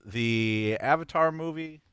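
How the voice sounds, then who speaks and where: A man's voice: medium pitch, slow, fairly bright tone, clear, resonant tone, no echo. A man in casual podcast chat, hesitant but opinionated.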